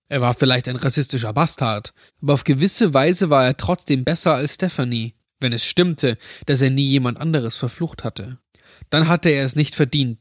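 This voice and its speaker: A man calmly narrating a scripted horror story, recorded close to the mic. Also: medium pitch, no room sound.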